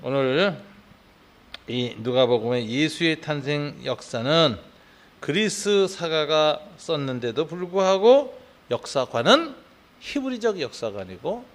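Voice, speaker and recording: Older korean pastor, dawn sermon, chatty, keeps tossing in little questions, kinda high voice. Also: male voice, sing-song, takes it slowly. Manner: conversational preaching with frequent "어?" tags, rising to fervent emphasis. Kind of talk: early morning sermon and prayer.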